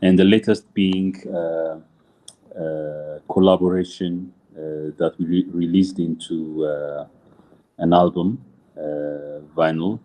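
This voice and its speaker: A middle-aged man from Ethiopia, a musician and teacher chatting over a video call, halting and full of filler sounds. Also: low voice, fairly even intonation, warm tone. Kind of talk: casual interview chat.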